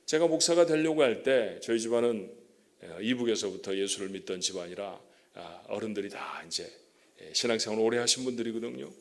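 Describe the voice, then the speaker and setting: A guest pastor with a lowish voice, lively intonation and a fairly quick delivery preaches a sermon in a church sanctuary. He chats with the congregation and checks in with them often, and mentions that he stutters.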